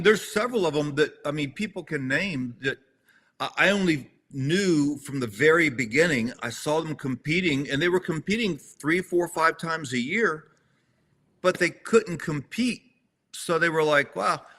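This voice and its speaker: With a fairly high, fairly bright voice, a sixty-something man chats as an interview guest in a relaxed conversation. His talk wanders somewhat, full of false starts and self-corrections.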